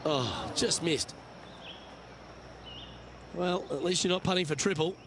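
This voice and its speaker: A man's voice: fairly high pitch, takes it slowly, noisy background. A man working as a golf commentator, calling play shot by shot in a game broadcast. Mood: measured.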